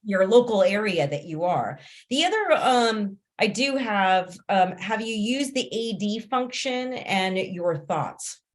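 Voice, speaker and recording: A woman's voice: medium pitch, lively intonation, slow, hardly any pauses. A woman hosting a casual group discussion on a video call, moderating as a realtor trainer.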